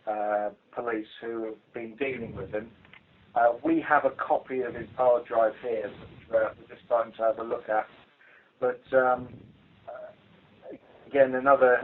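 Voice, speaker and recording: A British man with a mid-range voice gives a casual work briefing as a police investigator on a telephone call, speaking in a dry, blunt, hesitant manner. Slight background noise sits under the muffled conference call audio.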